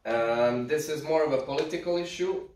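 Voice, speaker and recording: A man from Hungary in his thirties giving a guest lecture to a class, relaxed and explaining steadily with dry humour. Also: a little high, moderate pace. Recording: echoey classroom from far off, faint hiss.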